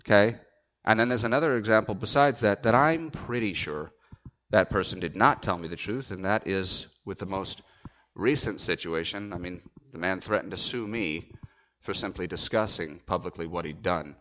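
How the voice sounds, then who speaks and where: A man's voice: deep voice, normal speed, a bit bright, slight background noise. A man, a pastor, telling a story from the pulpit in an earnest, emphatic sermon.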